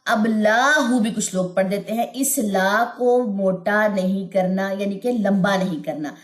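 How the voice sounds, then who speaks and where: A woman teaching tajweed, explaining patiently with repeated points and chanting verses slowly. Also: mid-range voice, roomy sound. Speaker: Quran recitation teacher. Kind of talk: tajweed lesson with chanted recitation.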